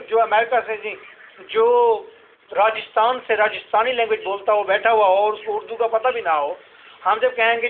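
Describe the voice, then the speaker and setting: High-voiced male teacher, tinny classroom recording. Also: a little hiss or hum. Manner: explains with repeated questions and examples. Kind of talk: classroom lecture.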